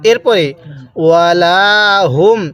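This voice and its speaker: A man teaching Quran reading in Bengali, stretching each recited word slowly and then explaining quickly, with a Bangladeshi accent. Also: high voice, dry recording. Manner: drawn-out recited words between quick explanations. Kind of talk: slow spelled-out Quran reading lesson.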